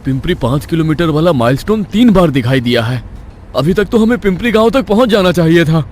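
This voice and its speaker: A man voicing a nervous young husband in an animated horror story, talking in an anxious, excited way. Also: a little high, brisk, slight background noise, voice pushed up, close to an everyday voice.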